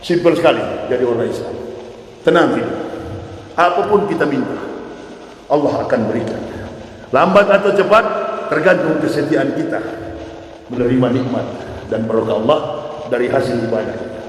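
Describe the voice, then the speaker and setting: A male preacher giving a lively, joking sermon that keeps breaking into shouts, in a mosque. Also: medium pitch, moderate pace, long pauses. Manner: animated, joking, bursts into shouts. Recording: echoey hall with long reverb, faint noise.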